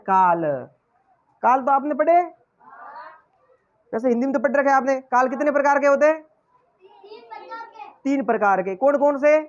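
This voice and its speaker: A man's voice: extremely high pitch, moderate pace, long pauses, dull audio, some chatter behind. A male teacher giving a lesson, quizzing the class with repeated questions and then answering them himself. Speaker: English teacher.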